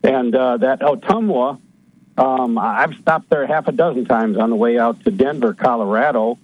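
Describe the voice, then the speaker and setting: Man calling in on a tinny phone line. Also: medium pitch. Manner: halting, with many fillers and restarts. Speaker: caller. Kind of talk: call-in radio talk.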